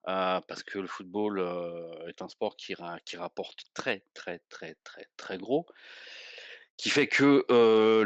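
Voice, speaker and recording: Low-voiced man, hesitant football chat. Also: a bit bright, dry recording, muffled recording. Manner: rambling, hesitant, repeats words. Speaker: podcast co-host.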